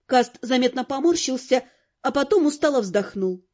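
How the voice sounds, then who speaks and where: A woman with a high, mellow voice reads an audiobook with wry, animated expression at a normal speed, keeping her narration scripted throughout. The audio sounds dull and lo-fi.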